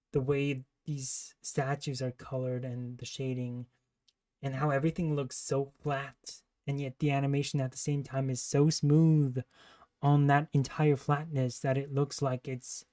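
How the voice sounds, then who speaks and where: A man's voice: mid-range voice, dark tone. A man hosting a livestream, giving casual, critical commentary as he reacts to a trailer. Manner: critical, disparaging.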